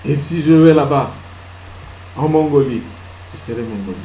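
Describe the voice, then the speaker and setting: A male pastor preaching a sermon, swinging from loud emphatic peaks to hushed asides and answering his own questions. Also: on the high side, normal speed, noisy background. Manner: asks the congregation questions and answers them himself. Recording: echoey hall with faint ambience.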